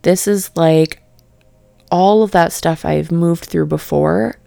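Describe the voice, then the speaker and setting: Woman, spiritual reflection, very slow, gravelly fry, calm near monotone, halting with fillers. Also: on the low side, no echo. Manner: halting, searching for words, many fillers. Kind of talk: reflective spoken meditation talk.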